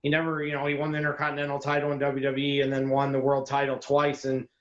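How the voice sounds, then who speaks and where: Animated man, echoey lo-fi podcast. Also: mid-range voice, fast. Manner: animated, opinionated, ranting. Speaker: podcast co-host. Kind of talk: casual chat. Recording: echoey, dull lo-fi sound.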